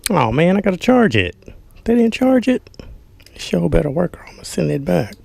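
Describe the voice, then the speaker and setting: A man whose high voice swings widely in pitch, gravelly and darkish in tone, gives a casual hands-on unboxing demo at a moderate pace in a small carpeted room. As a vlogger, he talks informally and folksily, half to himself while handling things, with no room sound audible.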